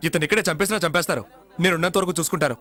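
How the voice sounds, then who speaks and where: An actor playing a cheeky young man in jail who talks back fast, in a dubbed film with music underneath. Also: a little high, pushed and bright. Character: cheeky young jailed man, sulky and scheming.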